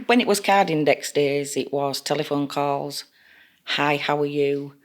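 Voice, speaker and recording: A woman's voice: sits low, measured pace. Chatty woman, nurse team leader. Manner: chatty, homely storytelling. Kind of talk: podcast interview.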